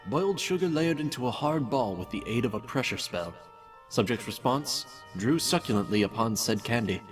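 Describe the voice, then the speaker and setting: Dictating cruel experiment notes with pompous, menacing politeness, this man's cold mad scientist sounds clinical and detached. His natural mid-range voice is expressive and moves at normal speed, captured from a distance with music playing behind.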